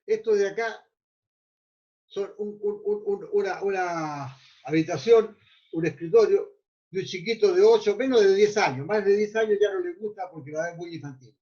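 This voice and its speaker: A man teaches a class, his voice pitched rather high. He lectures in a loose, wandering way and stumbles over repeated words while he hunts for the next phrase. The recording sounds muffled and lo-fi. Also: moderate pace, dark tone. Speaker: mindfulness teacher.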